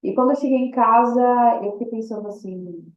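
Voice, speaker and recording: Woman, personal testimony, acts out quoted lines, slightly high voice, dull lo-fi recording. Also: moderate pace, darkish tone. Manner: storytelling that acts out quoted dialogue. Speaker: speaker telling her own story. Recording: echoey room, dull lo-fi sound.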